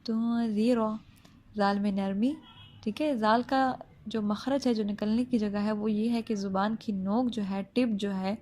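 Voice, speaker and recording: A woman with a medium-pitched, steady, darkish voice gives a Quran recitation lesson on tajweed. She recites slowly and drawn-out, then explains pronunciation plainly and patiently step by step, often checking that the listener is following.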